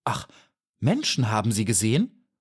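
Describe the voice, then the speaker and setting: A man's voice: lowish voice, huge pitch swings, normal speed, breathy edge, exaggerated voice. A man voicing a young female bee in a storybook, small, earnest and brave, pleading at times and firm at others. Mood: eager.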